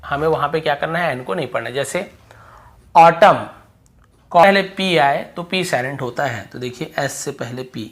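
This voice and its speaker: A man's voice: on the high side, brisk, hardly any pauses, fairly bright tone. Man teaching English words. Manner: repetitive, drills words aloud, asks and answers own questions. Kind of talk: spoken English lesson on silent letters.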